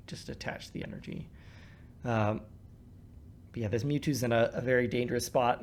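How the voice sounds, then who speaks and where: A man's voice: mid-range voice, darkish tone, slight background noise. A man giving casual commentary while playing a card game, thinking aloud with many ums and restarts. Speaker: co-host discussing a card game.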